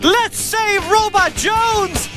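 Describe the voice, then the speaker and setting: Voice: very high-pitched, drawn-out words, over music, heavily acted. A text-to-speech voice playing a cheerful male schoolteacher in a cartoon dub, upbeat and encouraging. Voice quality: synthetic computer voice.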